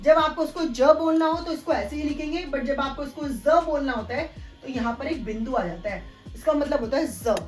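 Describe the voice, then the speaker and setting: A woman teaching English pronunciation, spelling words out letter by letter and slowly correcting common mistakes. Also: high-pitched, darkish tone, reverberant, poor audio. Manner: corrective, addresses viewers as guys. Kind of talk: spoken English pronunciation lesson.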